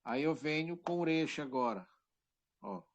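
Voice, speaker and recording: A man's voice: fairly high pitch, dull audio. A man gives an online language class over a microphone. He speaks unhurriedly, in a slightly raised register, repeating each word with patient care. His delivery keeps pointing the listener to what is on the page. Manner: patient, repeats words slowly, points things out. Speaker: Hebrew teacher.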